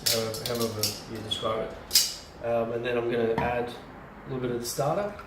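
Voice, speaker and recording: A mid-range male voice with fairly even intonation and a slightly quick pace belongs to a home brewer giving a casual, unscripted how-to. He rambles, piling on ums, fillers and restarts, while the distant camera mic sounds roomy and carries noticeable background hiss.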